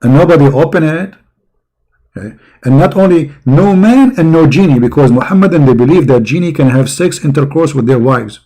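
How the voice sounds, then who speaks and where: A man's voice: a little high, animated, a little fast, mellow. A man giving sarcastic, mocking religious commentary, saying he is losing his voice.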